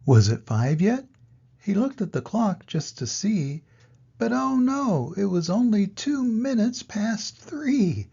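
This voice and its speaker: An older man, a grandfather, reading a children's story aloud in an expressive grandpa voice to little children. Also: high-pitched, slow, gravelly, husky, lo-fi sound.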